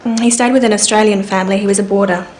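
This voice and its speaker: A woman's voice: mid-range voice, fairly even intonation, racing, background noise, natural voice. An actress in her twenties, from Singapore, playing a young businesswoman who asks an investigator to find her missing brother. She speaks plainly and earnestly. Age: 20s. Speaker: client. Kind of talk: scripted English-learning drama.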